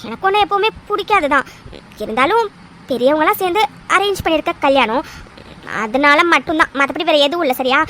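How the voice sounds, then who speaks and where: A woman's voice: sits high, animated, fairly quick, sharp tone, a little hiss or hum. A woman voicing a playful young woman engaged to be married, teasing and affectionate in a cartoon dub. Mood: flustered. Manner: teasing and affectionate, fond of exclamations.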